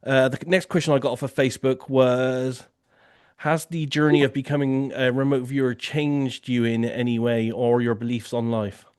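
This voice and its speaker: Here the remote viewing tasker hosts his casual online Q&A in a medium-pitched, flat voice that's a little mellow, clear and resonant. He moves at a moderate pace, speaking loosely with many "you know" fillers.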